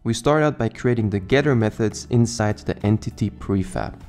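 A man narrating a programming screencast, explaining code step by step in a calm, methodical way. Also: lowish voice, moderate pace.

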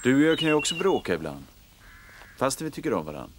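Brief: actor playing a firm policeman dad, expressive intonation. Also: medium pitch, background noise, close to an everyday voice. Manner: firm, calm, fatherly. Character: stern father, policeman. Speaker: father and policeman. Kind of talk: film drama acting.

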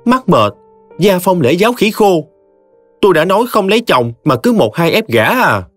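Brief: male narrator voicing a high, lively, defiant young bride with a Southern Vietnamese accent, in a dry audiobook read. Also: moderate pace, dry recording, soft background music. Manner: whiny, defiant. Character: sulky sharp-tongued young bride, woman.

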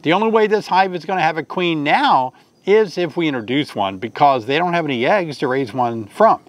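Speaking fairly quickly and expressively in a somewhat high voice, an older man teaches beekeeping in a relaxed vlog, often asking viewers questions. The audio has no room sound. Filming happens outdoors by a hive, then under a covered porch.

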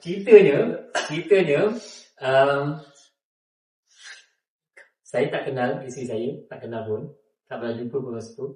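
A man's voice: medium pitch, steady tone, measured pace, pauses often. A middle-aged man with a Malaysian Malay accent who tells a story in a casual interview at home, hesitating often and laughing as he talks. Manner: hesitant, many fillers, laughs while telling stories. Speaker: district scout commissioner and religious teacher. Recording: echoey room, recorded from a distance.

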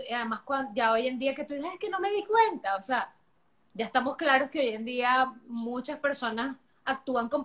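A woman guest talking loudly and energetically on a live video chat, projecting her voice the way she does when teaching. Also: high-pitched. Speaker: sexologist guest. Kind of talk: casual live-stream chat.

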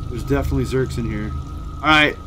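A man hosting a gaming channel, giving excitable playthrough commentary and yelling at enemies on screen. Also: medium pitch, fast. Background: game music.

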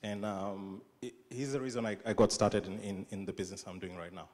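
A man's voice: fairly low pitch, fairly even intonation, fairly quick, darkish tone. Kenyan man speaking in a reverberant hall. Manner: humorous, self-deprecating, with frequent restarts. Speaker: conference speaker. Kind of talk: live conference talk. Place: large dark auditorium stage. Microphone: handheld mic.

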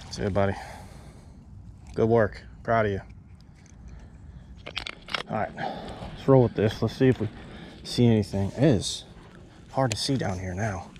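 With a lowish voice, measured pacing, and long pauses, a young fishing vlogger narrates casually from a pond bank. He excitedly speaks to the fish and his viewers, captured by a head-mounted action camera that also records surrounding nature sounds.

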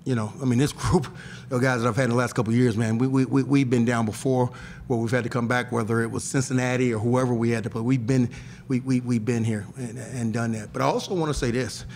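A middle-aged male coach sits at a press table with a table mic, talking frankly and with emphasis after a game. His voice has a gravelly edge, he often repeats words as he restarts, and a light hiss runs under the room. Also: medium pitch, steady tone, fast, darkish tone. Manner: candid, repetitive restarts, emphatic. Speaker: head basketball coach. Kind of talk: postgame press conference. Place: press room in front of a sponsor backdrop.

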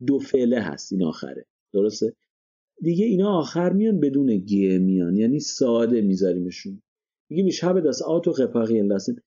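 A male language teacher walks through grammar step by step, frequently pausing with rhetorical questions to make sure listeners follow. His mid-range voice is sing-song, warm, and slightly rough, though the recording sounds muffled.

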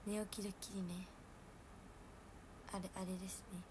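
A young idol speaking Hiroshima dialect hosts a casual livestream from home, chatting with her viewers. She laughs at herself and turns loud when acting out what others said, though her usual delivery is flat, medium-pitched, and moderately paced over a noisy background.

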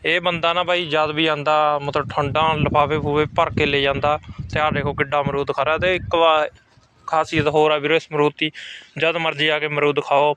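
Higher-pitched Punjabi man, flat casual vlog talk. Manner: repetitive, addresses viewers as brothers. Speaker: farmer vlogger. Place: outdoors on farm fields. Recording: outdoor recording with clear background noise.

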